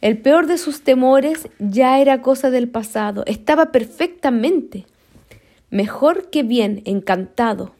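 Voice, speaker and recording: A woman reading a children's story aloud in an expressive, slow, deliberate way, sometimes stumbling and restarting a word. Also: high-pitched.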